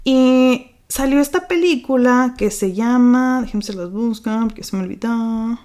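A Mexican woman with a slightly high voice rants on her podcast. She talks fast and gets carried away, and she drops swear words without a second thought. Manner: fast, excitable, swears freely. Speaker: podcast host. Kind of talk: casual rant monologue.

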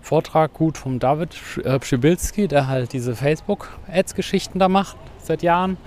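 A man's voice: a little high, normal speed, darkish tone, a little hiss or hum. A man hosting a casual podcast, explaining things with frequent tag questions while he is out running outdoors. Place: outdoors, on the move.

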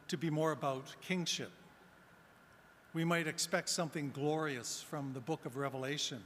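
Deliberate male preacher in cathedral-like echo. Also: a little high, fairly bright tone. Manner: measured, solemn public delivery with pauses. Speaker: deacon preaching. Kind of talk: Gospel reading and homily. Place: large reverberant church. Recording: cathedral-like echo, long reverb, background noise.

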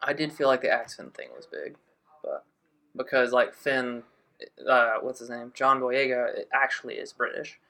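Bright-voiced young man, animated chatter. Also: mid-range voice, normal speed. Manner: animated, says like often. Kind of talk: casual group chat.

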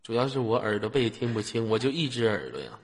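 A man's voice: mid-range voice, very animated, quick pace. A man with a Northeastern Chinese accent hosting a live call-in show, chatting in a teasing, jokey way and often laughing. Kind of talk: joking casual chat with callers. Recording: long reverb, loud background noise.

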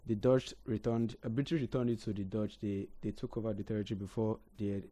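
A man's voice: fairly low pitch, steady tone, a little fast, dark tone. A man co-hosting a casual history talk, often hesitating and repeating words as he thinks. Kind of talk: casual radio history chat.

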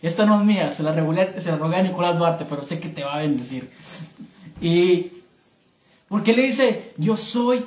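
A man preaching a sermon, acting out biblical voices and building to shouted climaxes. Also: a little high, expressive, moderate pace. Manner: acts out biblical voices in his telling. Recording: echoey room.

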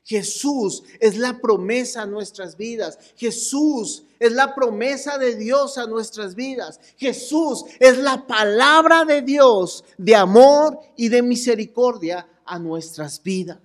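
A woman preaching to a congregation that includes children, asking them questions and now and then shouting out phrases. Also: a little high, slow, hardly any pauses. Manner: animated, asks the crowd questions and calls out with them. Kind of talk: sermon to a mixed congregation with children.

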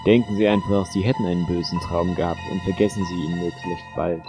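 A man doing a cold, calm doctor. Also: low-pitched, a little fast, over music, natural voice. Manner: calm, soothing, quiet. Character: calm, cold-hearted male clinic doctor. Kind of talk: audiobook narration.

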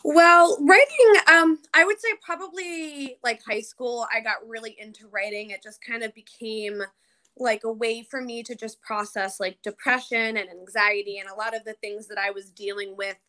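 This podcast guest is a New Jersey woman in her early 30s who rambles informally through a casual interview, leaning heavily on "like." She sounds a little high, bright and forceful, keeps a moderate pace, and the recording is rough.

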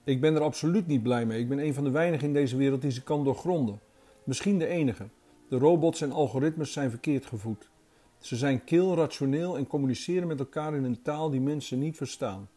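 A man's voice: mid-range voice, fairly quick, warm tone, close to an everyday voice. A man voicing a thoughtful, worried man in a storybook, speaking reflectively and with growing anxiety.

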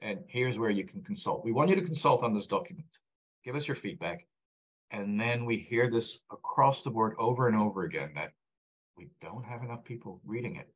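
The recording is muffled, and the man's voice is on the low side, animated and brisk with a breathy edge. A data platform founder of Egyptian background raised abroad, he is a guest in a conversational podcast interview, explaining his data work earnestly with many restarts and repeated main points.

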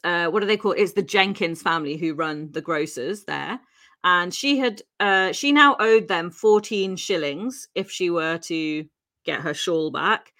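Chatty woman podcaster with a bright voice. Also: on the low side. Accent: English with faint Welsh traces. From Wales. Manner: chatty, laughs often, many fillers. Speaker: podcast co-host. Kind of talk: casual true-crime storytelling.

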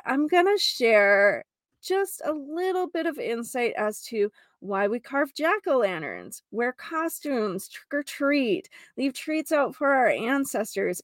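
An American woman with a slightly high voice hosts a casual spiritual show in a gentle mystical healer manner. She speaks slowly, gushing and stretching the words she stresses. The sound is dry and close, with little room in it. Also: dry recording. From North Dakota, United States.

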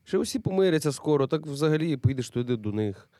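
A man's voice: a little high, expressive, fast talker, mellow, no room sound, clean studio sound, close to an everyday voice. A man playing a wounded soldier who talks back brusquely, slangy and dismissive. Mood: defiant. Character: young cynical wounded soldier, defiant, loner.

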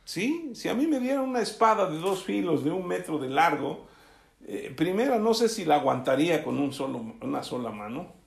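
A man's voice: on the high side, sing-song, moderate pace, gravelly. A man preaching a sermon, often asking his listeners for a yes as he goes. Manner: asks the congregation "¿sí?" often. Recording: echoey room.

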